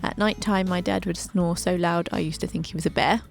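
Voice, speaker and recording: A young woman in her twenties tells her life story as scripted narration, with light joking asides along the way. Her voice sits low and carries a gravelly, creaky edge, with soft music faintly behind her. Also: fairly even intonation, fairly quick. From England. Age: 20s. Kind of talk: scripted narration over a drawing video.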